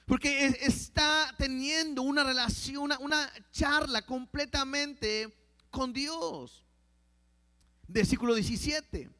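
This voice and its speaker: A man's voice: very high voice, takes it slowly, bright, forceful tone, long reverb tail. A man preaching, who reads Bible verses aloud and then explains them, often restarting his words. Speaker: pastor. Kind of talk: sermon with Bible reading.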